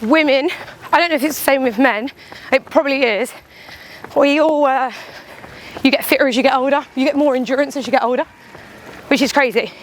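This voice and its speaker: This low-quality clip catches a high-voiced runner and vlogger talking fairly quickly to the camera mid-run outdoors. Her casual monologue is candid and animated, with little imagined quotes, set against faint traffic and ambient noise.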